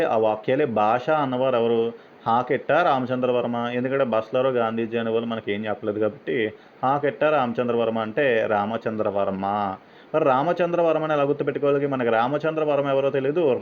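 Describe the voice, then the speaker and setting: Man explaining exam questions. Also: medium pitch. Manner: explains step by step, asks and answers his own questions. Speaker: teacher. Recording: slightly dull, faint background noise.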